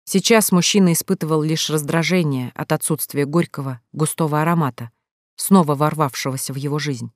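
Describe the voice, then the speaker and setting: An audiobook narrator reading a novel in an even, measured storytelling voice. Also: mid-range voice, no echo. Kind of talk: scripted narration.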